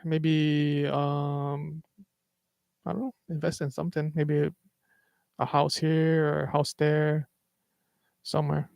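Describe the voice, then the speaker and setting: A man's voice: a little high, completely flat delivery, takes it slowly, gravelly, long pauses, a little mellow, no room sound. Easygoing local Hawaii man, dry sound. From Wai'anae, Hawaii. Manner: easygoing, hesitant with fillers. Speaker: podcast guest. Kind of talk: casual chat.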